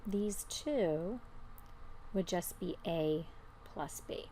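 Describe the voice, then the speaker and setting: A woman's voice: lowish voice, animated, very slow, mellow, slight background noise, low-quality recording. A woman teacher giving an informal, step-by-step explanation in a recorded math lesson.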